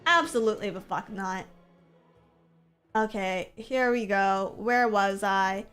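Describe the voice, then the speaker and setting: Taking it slowly, a streamer and VTuber creator chats with her audience while playing, rambling and repeating herself often. Her voice is medium-pitched, a bit bright and smooth, and soft music plays underneath.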